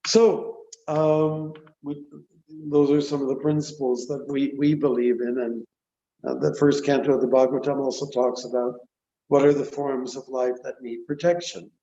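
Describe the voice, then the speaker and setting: A man giving an extempore scripture lecture as a religious class teacher, with halting, deliberate phrasing. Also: mid-range voice, flat delivery, warm tone. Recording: dull, echoey online call, faint noise.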